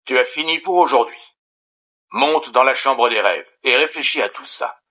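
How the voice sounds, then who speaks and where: A stern, low husky mentor. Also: female voice, normal speed, sharp tone, heavily acted. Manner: scolding, firm. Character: stern strict female angel mentor. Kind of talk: dubbed cartoon acting.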